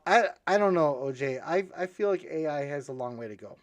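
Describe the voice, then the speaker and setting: A man hosting a podcast tells a long, rambling joke with lively intonation and a slightly fast pace, restarting along the way and leaping to high voices for the punchlines. The recording's highs are cut off.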